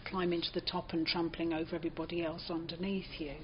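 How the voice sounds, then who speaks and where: An older British-accented woman looks back on her life in an oral history interview, telling anecdotes reflectively and performing the words of others. She talks at a quick pace in a fairly low, level voice. The lo-fi recording is dull and muffled, with slight background noise.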